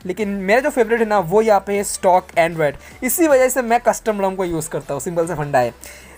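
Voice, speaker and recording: Speaking at a moderate pace in a darkish, medium-pitched voice with lively intonation, this Indian tech YouTuber goes through viewer questions one by one. He explains conversationally, drops in English tech terms, and addresses his audience as "bro" and "friends."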